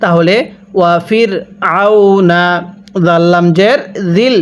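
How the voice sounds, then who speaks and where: Man, Bangladeshi Bengali accent, Quran reading teacher, high voice, slow deliberate spelling, repeat-after-me recitation. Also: clean tone. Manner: spells letters and vowel marks slowly, then asks listeners to repeat after him.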